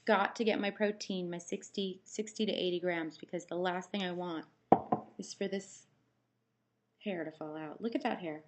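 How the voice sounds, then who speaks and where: Give the voice of a woman with a slightly low pitch, talking casually as a vlogger. Her mouth is dry as she recovers from surgery. She rambles through anecdotes and recounts exchanges in a conversational way. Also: steady tone, normal speed, heavy background noise. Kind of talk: casual chat to camera, personal storytelling.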